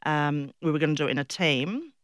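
A middle-aged woman with an Australian accent, chatting and telling stories as an interview guest in an animated, self-deprecating way. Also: low-pitched, a little fast, no echo, clean studio sound. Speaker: interview guest, public speaker and former competitive swimmer. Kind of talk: casual conversational interview, storytelling.

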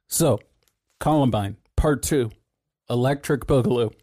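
A man talks in a loose, laid-back way, swearing freely and laughing often as he works through his notes. His voice is mellow and warm, and the sound is dry and close, with no room echo. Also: medium pitch, unhurried. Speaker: podcast co-host presenting research notes. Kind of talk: casual podcast chat.

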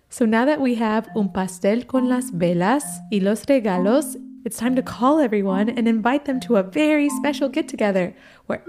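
Casting: encouraging woman teacher on a kids' show, slightly high voice, soft music under her. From Ecuador. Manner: warm, upbeat, encouraging, slow teacher-like delivery. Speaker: co-host and Spanish teacher. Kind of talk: children's language lesson.

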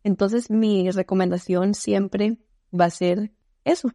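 A Costa Rican woman guesting on a podcast, her voice mellow and dark rather than bright. She tells stories with animated, expressive swings and laughs along the way. The recording is close and dry, with no room sound. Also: medium pitch, takes it slowly, dry recording. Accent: Costa Rican Spanish. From Costa Rica. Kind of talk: casual interview chat.

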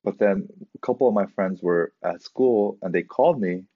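Low-voiced man telling stories, dull dry mic. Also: normal speed, breathy edge, dry recording. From Southern California. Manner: relaxed, laughing anecdotes, acts out quotes. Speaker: guest, professional drift driver. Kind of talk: casual podcast storytelling.

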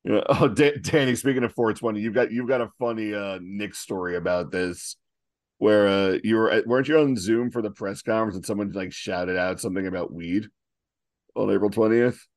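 A man co-hosting a sports podcast, easygoing and quick when telling stories. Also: on the low side. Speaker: podcast co-host. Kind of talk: casual podcast chat.

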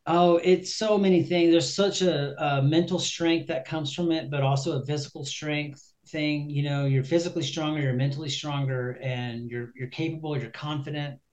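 A man's voice: on the high side, fairly even intonation, moderate pace, few pauses, darkish tone. A man in his forties, a musician guest, chatting casually in an interview, easygoing and rambling with many ums. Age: 40s.

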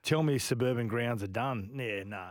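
An Australian man hosting a sports radio show, telling stories in casual chat and breaking into excited live calls. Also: mid-range voice, moderate pace, no echo, studio quality. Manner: storytelling, bursts into excited live call. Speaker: radio host.

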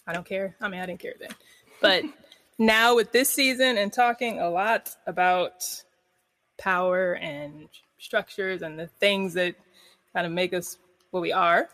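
Relaxed podcast host, reverby room. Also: male voice, sits high. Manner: relaxed, self-deprecating, halting restarts. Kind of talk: casual podcast conversation.

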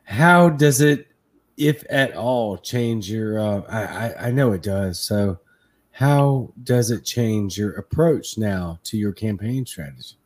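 A man's voice: lowish voice, lively intonation, slow. A man from Louisiana hosting a live interview stream, informal and candid, with rambling asides. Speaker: interview show host.

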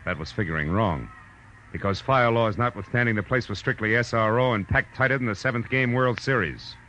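A lead actor narrates as a wry, sardonic hard-boiled private detective in a 1940s radio noir drama, his mid-range voice brisk, pushed and bright with clipped tough-guy delivery. The mood is tense and the acting light, on a dull vintage radio recording with music and a little hiss or hum.

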